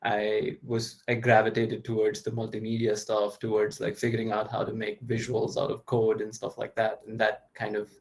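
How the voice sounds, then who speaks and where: A man speaking as a designer on an online panel, relaxed and wry in a conversational way. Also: on the low side, moderate pace, few pauses. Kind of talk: casual panel discussion. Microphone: video call.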